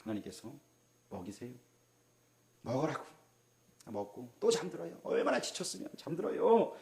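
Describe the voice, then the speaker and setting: A Korean man preaching as a pastor, swinging between loud exclamations and hushed asides and asking the congregation questions. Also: medium pitch, big pitch swings, moderate pace, vocal fry. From South Korea. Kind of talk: sermon. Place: church sanctuary. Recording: roomy echo of a church hall.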